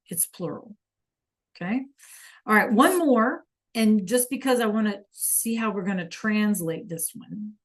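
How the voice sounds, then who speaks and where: A woman teaching a Spanish lesson online, patiently checking in with her students and praising answers from the chat. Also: mid-range voice.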